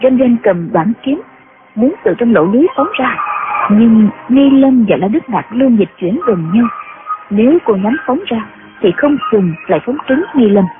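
Woman storyteller, steady reading, phone-thin sound over loud music. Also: a little high, normal speed, phone-quality sound. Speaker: narrator. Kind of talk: scripted narration of a martial-arts novel.

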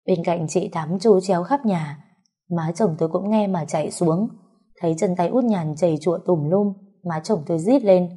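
A woman tells a family drama in the first person, her voice low and slightly husky. Her tone is mellow and unhurried in narration. She throws herself into the quarrels with heated bursts.

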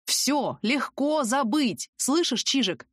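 A woman's voice: sits high, expressive, slow, husky, no echo, pitched above the performer's own voice, exaggerated voice. Pushy ex-boyfriend, a young man pleading hard, voiced by a woman reader; storybook part, dry. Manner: insistent and urgent.

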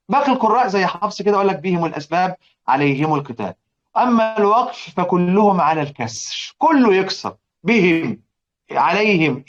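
A man's voice: high voice, muffled recording. A man with an Egyptian accent giving a recitation lesson, repeating examples and quizzing his listeners with questions. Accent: Egyptian Arabic. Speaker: teacher of Quran recitation. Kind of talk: classroom lecture.

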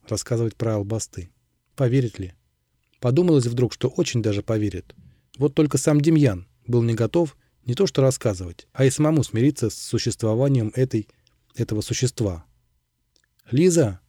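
A man narrating an audiobook in a calm, measured storytelling manner. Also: medium pitch, no echo, clean studio sound.

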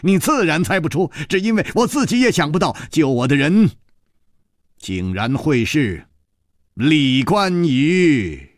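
A male storyteller voicing a composed, wry male hero who speaks low and measured with soft sighs. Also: sing-song, no echo, studio quality.

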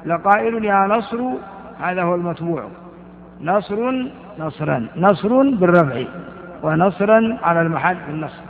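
Older male grammar teacher, high voice, lecturing to students, tinny hall recording. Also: a little fast, slight background noise. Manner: repeats examples, asks and answers his own questions.

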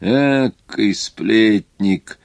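A man acting out a blunt, grumbling coach conductor in a storybook tale, barking at passengers to hurry. His low voice is loud and brusque. The recording is close and dry. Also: measured pace, no room sound. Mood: gruff. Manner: gruff, impatient.

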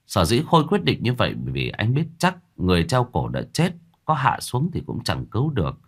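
A man narrating a ghost story in a dramatic, expressive way. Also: on the low side, brisk.

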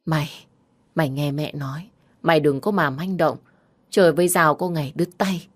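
A woman voicing a frantic, scolding older mother in a narrated story, raising her voice high and loud. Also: fairly even intonation, moderate pace. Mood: anxious pleading.

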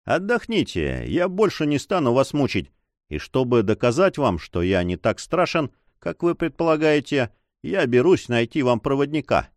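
Here a male reader performs a self-assured French adventurer, pitching his medium voice above his own natural register. Very animated and at a moderate pace, the grown man toys mockingly with his listener, lines bobbing with playful stress, in a dry, close storybook-style recording.

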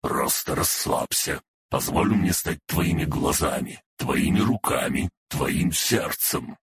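A male audiobook narrator voicing a haughty, ancient otherworldly demon archduke in a hushed, breathy demonic voice, speaking down to a boy and calling him child. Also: a bass voice, lively intonation, takes it slowly, no room sound, clean studio sound, full character voice. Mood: soothing. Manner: lofty and condescending, calls the boy "child".

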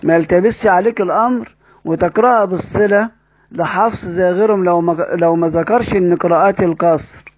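A man's voice: sits high, quick pace, slightly rough, no room sound. A man with an Egyptian accent teaching Quran recitation rules, repeating key phrases and asking and answering his own questions. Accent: Egyptian Arabic. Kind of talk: classroom explanation.

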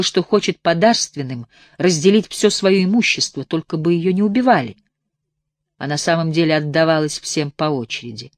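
A hesitant, uneasy landowner confides a dark local legend , read by a woman in an audiobook. He speaks in a low, confiding tone with little flourish. The recording is dry and close. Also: dry recording.

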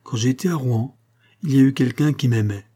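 Male reader doing a husky, defiant young peasant woman, raised and pleading. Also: mid-range voice, steady tone, normal speed, dark tone, close to an everyday voice.

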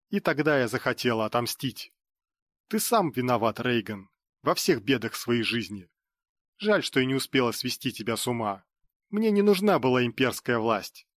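A man's voice: medium pitch, no echo, clean studio sound, lightly acted. A man reading an audiobook voices a spiteful, scorned empress who hisses out her bitter grievances. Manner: hissing, bitter outburst. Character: spiteful scorned empress, middle-aged woman, venomous.

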